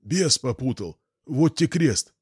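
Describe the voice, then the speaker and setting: A man's voice: mid-range voice, animated, slow pace, breathy edge, no room sound, clean studio sound, voice pushed up, full character voice. A man voicing a frightened, drunk old village morgue watchman who stammers and whines. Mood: whining. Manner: stammering, wheedling, self-pitying.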